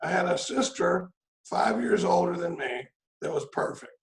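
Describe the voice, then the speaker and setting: With a high, expressive, gravelly voice at a moderate pace, a Dallas man in his 60s shares his story at a speaker meeting. Calling in by video from home in a reverberant room, he rambles and jokes, saying "I mean" and "you know" often.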